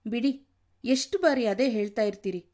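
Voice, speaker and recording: A woman reading aloud and voicing a nagging, sharp-tongued wife in her late sixties. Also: a little high, moderate pace, lightly acted. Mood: scolding. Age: over 60. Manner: scolding, nagging. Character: sharp-tongued wife of sixty-eight, scolding.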